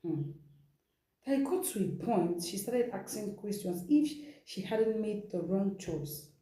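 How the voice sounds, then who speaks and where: Warm and expressive, this mid-range female voice moves a little slowly as she retells someone else's story in a relaxed, conversational style, dropping in rhetorical asides as host of an informal storytelling session. Her words echo around a roomy space.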